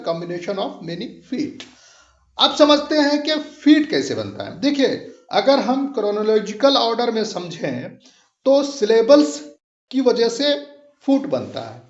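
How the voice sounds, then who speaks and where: A man with a high voice explains a literature lesson patiently, going over each point again and slowing down for key terms. The recording is roomy and echoing, with a dull, lo-fi sound. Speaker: English literature teacher.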